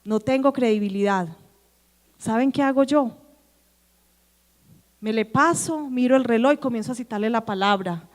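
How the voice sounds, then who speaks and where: Woman preacher, Colombian Antioquia accent, high voice, lively sermon, questions the congregation, long church-hall reverb. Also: moderate pace, long pauses. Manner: lively, acts out quoted dialogue, asks the congregation questions.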